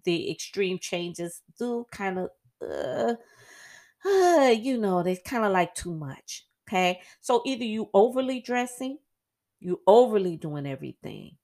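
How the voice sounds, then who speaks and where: Chatty middle-aged woman podcast host. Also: measured pace. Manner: chatty, animated, jumps up in pitch for quoted asides. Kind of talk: casual solo podcast monologue.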